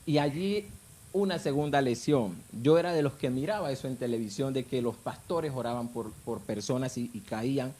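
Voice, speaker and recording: A man's voice: mid-range voice, moderate pace, dark tone. A married man, telling his personal faith testimony in a fervent, emotional way. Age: adult, married with children. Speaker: guest giving testimony.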